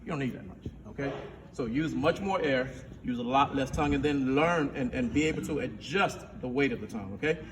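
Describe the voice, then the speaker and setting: A man's voice: medium pitch, a little fast. A male band director teaches a rehearsal, counting off his players and singing syllables to demonstrate each note. He sounds distant from the microphone, and his voice rings with a long echo in a school band room. Faint noise sits under the recording.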